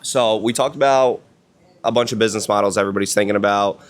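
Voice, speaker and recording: A man's voice: on the low side, quick pace, crowd noise. A hungover man talking casually and motivationally on a podcast, blunt and slangy, swearing often and repeating phrases for emphasis. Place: outdoors on a villa balcony.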